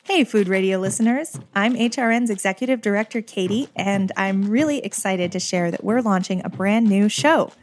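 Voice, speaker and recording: A woman's voice: medium pitch, normal speed, few pauses, slight background noise. A woman, an executive director, reading a scripted promo for a podcast.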